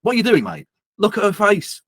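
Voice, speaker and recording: A man's voice: sits high, huge pitch swings, brisk, fairly bright tone, no room sound, clean studio sound. A man hosting a live stream, reacting to a political debate with sarcastic, mocking remarks. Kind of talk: casual reaction commentary.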